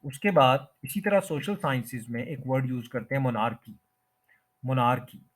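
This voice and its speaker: A man's voice: medium pitch, animated, breathy edge. Man teaching English pronunciation, drilling words. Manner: repeats each word slowly, breaking it into syllables. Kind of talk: explanatory lesson.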